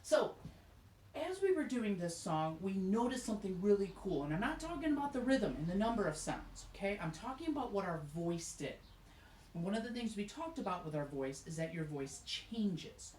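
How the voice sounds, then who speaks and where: A woman's voice: mid-range voice, big pitch swings, moderate pace, darkish tone, slight background noise. A woman teaching a children's music lesson, explaining each step in an encouraging way and singing short demonstrations. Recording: echoey room.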